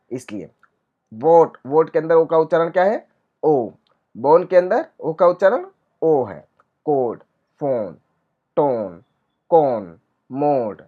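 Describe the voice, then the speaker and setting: Lively man teaching English lesson. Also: a little high. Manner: lively, questioning the viewer then answering. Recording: dull lo-fi recording.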